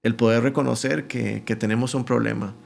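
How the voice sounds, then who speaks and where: The voice is medium-pitched, creaky and a little fast: a middle-aged pastor appearing as a podcast guest. Sharing his testimony, he acts out each character's voice with lively energy.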